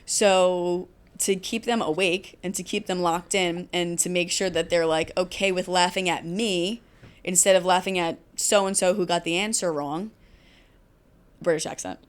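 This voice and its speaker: A woman who teaches barbering, telling classroom stories as a podcast guest, animated, with quick asides. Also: lowish voice, clean tone. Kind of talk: casual podcast conversation.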